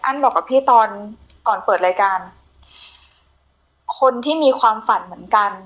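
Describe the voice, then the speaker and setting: A woman's voice: on the high side, fairly bright tone, rough recording. A woman hosting a conversational television interview, speaking affectionately to her guest like an older sister. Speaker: TV show host.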